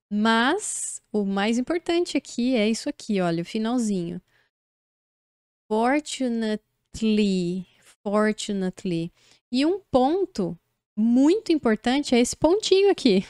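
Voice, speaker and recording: Brazilian woman, online English teacher; unhurried, patient explainer with a smooth, clear voice. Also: mid-range voice, a little mellow, no room sound, clean studio sound. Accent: Brazilian Portuguese. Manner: slow, patient explaining with frequent checks like "né?" and "ok?".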